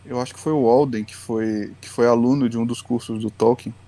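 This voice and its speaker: A man's voice: mid-range voice, fairly even intonation, fairly quick, mellow. A man as the guest educator on a podcast, explaining at length in a patient, lecturing way. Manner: patient, lecturing, often tags lines with "né".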